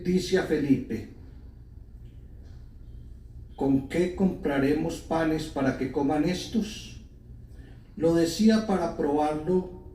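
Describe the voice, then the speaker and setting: A priest reading the Gospel at Mass in a slow, measured, solemn way, his voice ringing with cathedral echo. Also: fairly high pitch, mellow. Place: large church. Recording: echoey church from far off.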